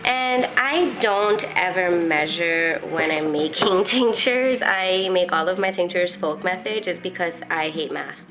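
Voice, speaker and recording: A woman with a head cold, her voice nasal and congested, chatting in a rambling, casual way through a how-to, with soft music behind her. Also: lowish voice, a little slow, hardly any pauses. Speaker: herbalist vlogger.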